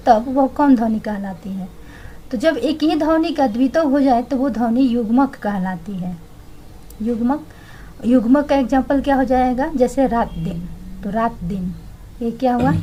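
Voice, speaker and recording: A woman's voice: fairly high pitch, darkish tone, slight background noise, poor audio. A young woman teaching exam answers, explaining each one and then repeating it to check understanding.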